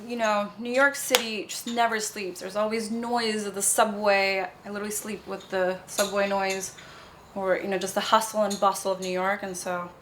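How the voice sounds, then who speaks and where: A woman's voice: mid-range voice, a bit bright, slight background noise. Chatty young woman founder, bubbly. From Nepal. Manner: bubbly, chatty, fond of fillers like "you know". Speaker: cosmetics brand founder. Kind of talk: casual interview answers.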